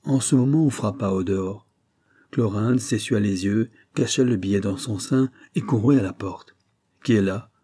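A man narrating a nineteenth-century romance as an audiobook, measured and expressive. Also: on the low side, breathy edge. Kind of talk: literary audiobook reading.

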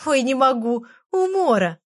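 A high, loud, giggling teenage girl from a storybook who teases her friends, as a woman reader puts her on. Her lines burst out in shrieks of fun. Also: animated, unhurried. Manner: laughing, loud, teasing.

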